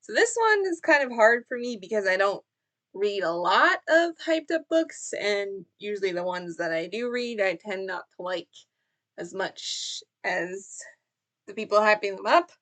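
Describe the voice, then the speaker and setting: A young woman book vlogger chats about books in a casual book tag vlog, rambling a bit with frequent fillers and self-corrections. Her medium-pitched voice is very animated, unhurried, and fairly bright in tone.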